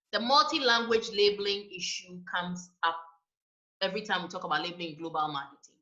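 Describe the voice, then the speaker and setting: A woman lecturer giving a university lecture, explaining points in a measured way and checking in with "right?". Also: medium pitch, bright, forceful tone. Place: lecture room. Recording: echoey room, dull lo-fi sound.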